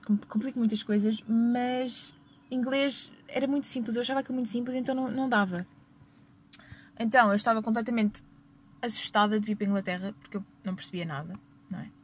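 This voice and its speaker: Chatting from a parked car, a young podcast host with a European Portuguese accent shares casual personal stories, frequently laughing and fixing her own words as she goes. She has a mid-range voice, and the audio carries a faint hiss or hum.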